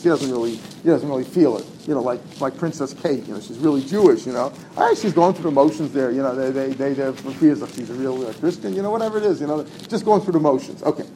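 A man giving an informal Talmud class, talking fast and animatedly, repeating himself and mixing in Hebrew terms. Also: on the high side, a little mellow, slight background noise, rough recording. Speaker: Talmud teacher.

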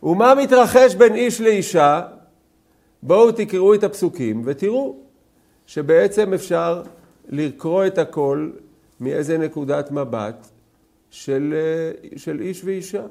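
A man teaching a scripture class, questioning his students and rising to loud, emphatic peaks. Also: on the high side, lively intonation, vocal fry. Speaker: Torah teacher.

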